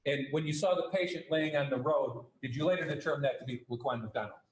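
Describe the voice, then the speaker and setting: A man questioning a witness as an attorney, measured and methodical, heard in a courtroom recording. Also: on the high side, reverberant, low-quality recording. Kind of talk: courtroom examination.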